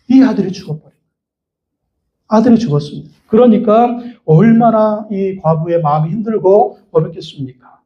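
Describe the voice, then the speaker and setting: Male pastor, sermon, high voice, emphatic, rhetorical questions, dull lo-fi recording.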